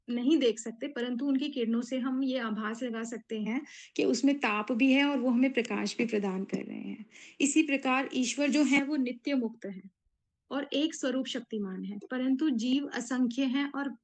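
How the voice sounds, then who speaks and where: A woman giving a devotional discourse, explaining at a measured pace with frequent pauses and fillers. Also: high-pitched, a little mellow. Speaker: spiritual speaker.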